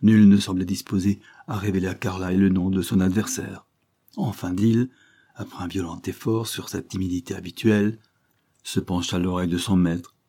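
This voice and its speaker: A man narrating a classic novel as an audiobook, in a steady, even reading. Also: low-pitched, normal speed. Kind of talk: scripted narration.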